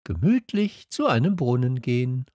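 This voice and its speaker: A man's voice: medium pitch, big pitch swings, moderate pace, darkish tone, no room sound, studio quality, pitched above the performer's own voice. A man raising his voice for a curious little boy prince. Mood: wondering. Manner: earnest, wondering questions. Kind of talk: audiobook character voice.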